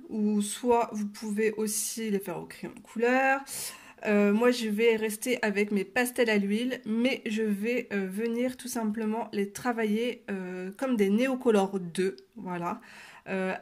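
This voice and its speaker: A woman's voice: mid-range voice, a little mellow. Chatty woman demonstrating coloring, hesitant. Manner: hesitant, many filler pauses, chatty asides to viewers. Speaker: coloring tutorial creator. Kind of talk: casual step-by-step demonstration.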